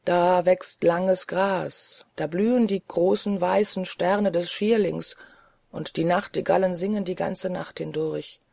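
A reader voicing a weary, lonely old male ghost in a soft, dreamy, mournful manner, from an audiobook reading. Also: medium pitch, takes it slowly, creaky, slightly rough, no room sound, heavily acted.

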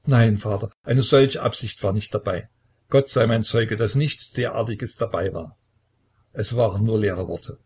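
A man voicing a frightened, pleading young tsarevich, reading him a little raised and earnest in a husky, creaky voice. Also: fairly low pitch, measured pace, a little mellow. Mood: earnest denial.

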